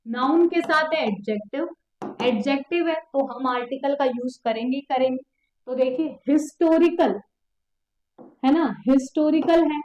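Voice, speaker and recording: A woman with a high-sitting voice teaches an online exam coaching lesson, explaining step by step, repeating key words and continually quizzing her students. The recording is reverberant and low in quality.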